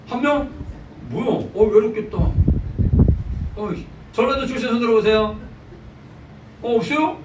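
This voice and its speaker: A man preaching a Sunday sermon as pastor, lively and joking with his congregation. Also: extremely high pitch, a little slow, long pauses. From South Korea. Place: church sanctuary. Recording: echoey church hall, mic from a distance, noisy.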